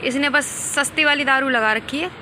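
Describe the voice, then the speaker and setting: A woman's voice: sits high, normal speed, sharp tone. A woman vlogging in a casual comedic way, teasing and often laughing as she talks, outdoors. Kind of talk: casual comedy vlog narration. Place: outdoors, dusty and sunny. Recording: noisy background.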